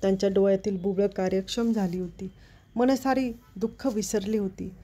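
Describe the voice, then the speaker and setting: A woman storyteller reading a novel aloud in a steady, expressive literary narration. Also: medium pitch, normal speed. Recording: dull lo-fi recording.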